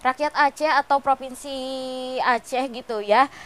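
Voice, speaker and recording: A woman's voice: high-pitched, normal speed, a bit bright, clean tone. Stuffy-nosed young woman vlogging from bed. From West Java, Indonesia. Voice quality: nasal. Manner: chatty, peppered with fillers. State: sick with a stuffy nose. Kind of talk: casual chatty vlog. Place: bedroom, on a bed.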